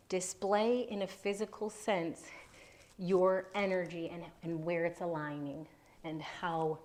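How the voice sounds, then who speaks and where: A woman in her thirties guiding a relaxed mobility flow, talking softly and breathily with many half-whispered cues. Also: on the low side. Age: 30s. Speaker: yoga instructor.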